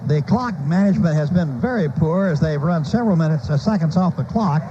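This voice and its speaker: With a somewhat high voice, lively intonation, and a slightly fast pace, an American play-by-play announcer covers a live football game on radio. He talks in short, urgent, staccato bursts over a dull, noisy lo-fi signal.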